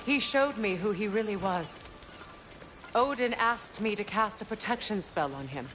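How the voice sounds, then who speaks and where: A woman's voice: mid-range voice, lively intonation, fairly bright tone, faint music behind. Wistful, bitter goddess queen. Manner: measured, wistful storytelling with dry sarcasm. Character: bitter, grieving former goddess queen, proud and wry. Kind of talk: video game voice acting. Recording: game audio with boat and water sounds.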